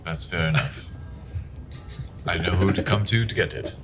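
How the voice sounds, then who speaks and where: A man playing a tabletop game, speaking in character with measured, somewhat formal phrasing. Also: low voice, over music.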